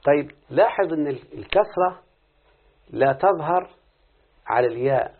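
Gravelly Egyptian teacher on lo-fi audio. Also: male voice, on the high side, lively intonation, moderate pace, a little hiss or hum. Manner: constantly quizzes the student with questions. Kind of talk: Arabic morphology lesson. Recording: phone-like lo-fi audio.

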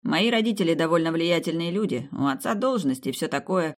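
A woman reading an audiobook, voicing a self-assured young man who charms and dodges questions with brisk confidence. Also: a little high, animated. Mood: firm.

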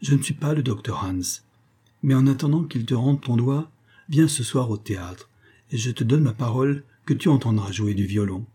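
A man reading a storybook, voicing a tall, haughty, gaunt male stranger who speaks calmly. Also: medium pitch, normal speed, husky, natural voice. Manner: calm, haughty.

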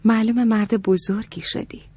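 A man voicing a playful young woman in an audiobook, in a soft, high falsetto with a teasing manner. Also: steady tone, no room sound. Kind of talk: audiobook character voice.

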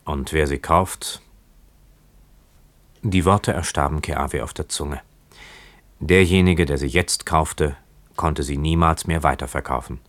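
A man narrating a story as an audiobook, in a measured and dramatic manner. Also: extremely low pitch, steady tone, a bit bright, dry recording. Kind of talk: audiobook reading.

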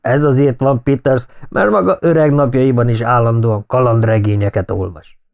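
A man's voice: mid-range voice, creaky, a little mellow, natural voice. A man voicing a jovial older lord who teases and brushes off warnings. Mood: teasing. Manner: teasing, good-humored.

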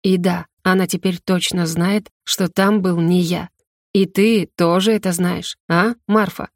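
A cold, menacing young man who speaks slowly, with quiet anger, acted by a woman reading an audiobook. The pitch sits a little low for her, and the recording is dry and close. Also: steady tone, no echo.

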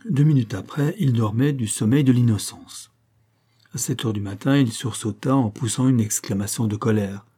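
A man narrating an audiobook in a measured, even storytelling manner. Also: medium pitch, husky. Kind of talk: scripted narration.

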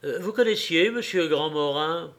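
A man voicing a cold examining magistrate who questions slowly and deliberately. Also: a little high, expressive, a bit bright. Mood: probing, cold.

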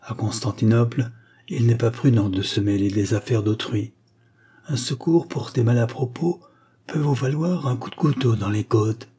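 A man reading a short story aloud as an audiobook narrator, in a measured and expressive way. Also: medium pitch, breathy edge. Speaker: audiobook reader.

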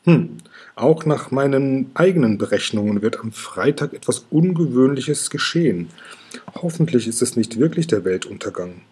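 A small, very learned male dragon who explains things calmly and precisely, as a man reads him aloud. The voice is warm and dark, with a strong breathy husk. It suits a children's storybook. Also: medium pitch, moderate pace.

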